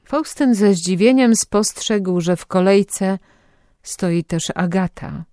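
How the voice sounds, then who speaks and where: Male audiobook narrator, unhurried and measured, dry close read. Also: sits high, clean tone, dry recording. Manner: measured, even storytelling.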